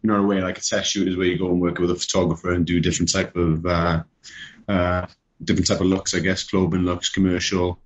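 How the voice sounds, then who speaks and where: Chatting casually as a video call guest, a young man with a Welsh accent talks quickly in a low voice with little pitch movement. He comes across as laid-back and unsure, leaning on many fillers, in a muffled recording.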